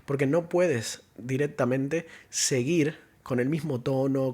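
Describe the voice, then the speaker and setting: A man teaching an online course lesson as a contact center trainer, explaining step by step, acting out short agent lines and asking rhetorical questions. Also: medium pitch.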